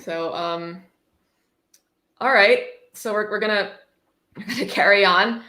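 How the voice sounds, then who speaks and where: Speaking at a measured pace with a sharp, medium-pitched voice, a woman hosts a casual livestream where she reads a book aloud. Along the way she offers wry, sarcastic, blunt commentary, in a roomy, echoey recording.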